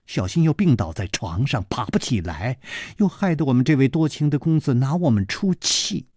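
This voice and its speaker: A lively, teasing young woman with a lilting, bouncy voice, as a male storyteller puts her on. She swings between high and soft tones, in a husky voice. The recording is dry. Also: normal speed, no room sound.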